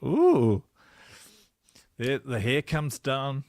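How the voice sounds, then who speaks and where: Playful man with a gravelly voice. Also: lowish voice, normal speed, no room sound. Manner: playful, sing-song, laughs often. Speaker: livestream host. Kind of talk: casual livestream chat.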